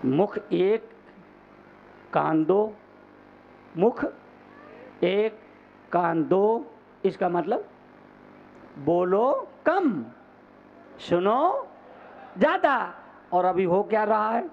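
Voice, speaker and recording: A monk preaching a sermon to a congregation, speaking loudly and forcefully, repeating phrases and calling on listeners to answer back. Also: male voice, sits high, extremely slow, creaky, pauses often, a little hiss or hum. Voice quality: loud, forceful delivery. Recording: dull lo-fi sermon recording.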